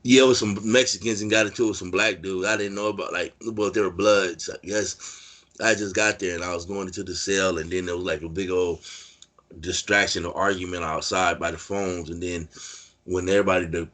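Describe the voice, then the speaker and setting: Deep-voiced man telling prison stories. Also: steady tone, brisk, fairly bright tone. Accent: Californian. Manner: rambling, filler-heavy street talk. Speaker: interview guest, former prisoner. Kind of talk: casual storytelling interview.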